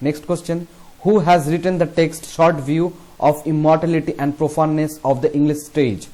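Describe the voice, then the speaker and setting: A man's voice: fairly high pitch, level tone, warm tone. Man teaching with a Bengali accent. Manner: switches between Bengali and English; reads questions slowly, explains in quick bursts. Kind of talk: exam question walkthrough.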